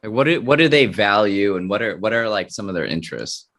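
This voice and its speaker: A man's voice: fairly low pitch, expressive, fast, fairly bright tone. A man hosting an interview podcast, upbeat, often restarting his questions. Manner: upbeat, stumbles over his questions, laughs easily. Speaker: podcast host.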